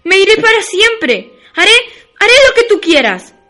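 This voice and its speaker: A woman's voice: very high-pitched, sing-song, normal speed, sharp tone, faint music behind, pitched above the performer's own voice, exaggerated voice. A woman voicing a furious, scheming old pirate captain in a children's story. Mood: pleading. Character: vengeful pirate captain, man, older, furious.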